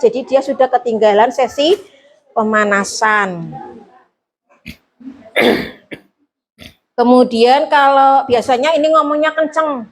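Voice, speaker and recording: Woman teacher, high voice, lively explainer at a staff training. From Indonesia. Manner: lively, explains with acted examples. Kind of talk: training presentation to fellow teachers.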